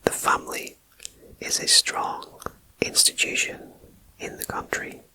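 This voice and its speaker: A fully unvoiced whisper, slow and unhurried, moving between ears on a binaural microphone. This ASMR host reads numbered facts and drifts into relaxed, chatty asides. The delivery stays hushed and intimate throughout. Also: low-quality recording. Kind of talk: whispered ASMR fact reading. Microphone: binaural ear-to-ear microphone.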